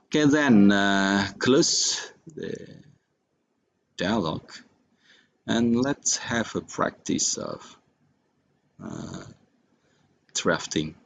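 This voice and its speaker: A man with an Indonesian accent narrates an unscripted screen-recorded software tutorial in a low, creaky voice. He goes slowly and haltingly, feeling his way through each step, and the audio has its highs cut off.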